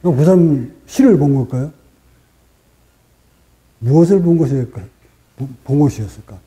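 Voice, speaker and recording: A man delivers a dharma talk as a Buddhist meditation teacher. His voice sits a little high but has a very dark, mellow tone. He speaks in short, measured phrases, pausing often and pushing up in pitch to stress a point. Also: expressive, low-quality recording. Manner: deliberate, short phrases with pauses, rising for emphasis.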